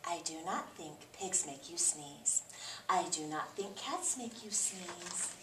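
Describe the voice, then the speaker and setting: A woman voicing a calm, matter-of-fact cat doctor from a storybook, measured and reassuring. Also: on the low side, voice pushed down. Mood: calm, diagnosing. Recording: echoey, distant, faint background noise.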